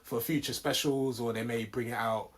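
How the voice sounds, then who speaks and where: A man's voice: medium pitch, fairly even intonation, moderate pace. A man with an urban London roadman accent co-hosting a casual film review, talking in street slang. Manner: slangy, with bruv and man dem. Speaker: podcast co-host reviewing films.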